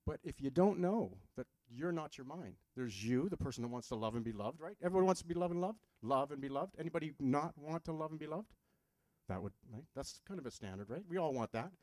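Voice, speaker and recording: A man who works with patients delivers a live health seminar conversationally, quizzing the audience and throwing in jokes. His fairly high, darkish voice is animated and fairly quick, with no room sound.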